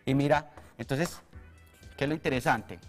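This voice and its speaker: A man's voice: mid-range voice, normal speed, music in the background. Man teaching math in a reverberant studio. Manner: explanatory, steady, asks for agreement. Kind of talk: televised math lesson.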